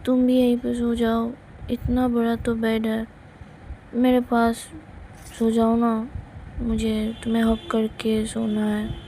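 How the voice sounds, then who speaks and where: A woman's voice: a little high, completely flat delivery, slow pace, mellow, a little hiss or hum, rough recording. Woman doing a coaxing playful young woman. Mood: drunk pleading. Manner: coaxing and pleading.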